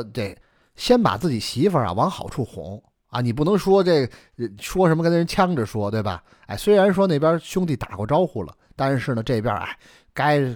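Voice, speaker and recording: A male storyteller tells a traditional tale in a chatty, explanatory way. His pitch moves lively and expressively. The sound is close and dry. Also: no room sound. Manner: chatty, explanatory asides with many fillers.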